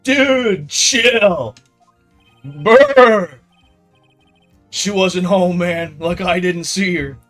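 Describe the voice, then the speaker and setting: A man's voice: sits high, very slow, pauses often, fairly bright tone, soft background music, pitched above the performer's own voice, heavily acted. A man voicing a young male defendant in a video game with a laid-back slacker drawl. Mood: defensive. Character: nervous young male defendant, talking like a stoner.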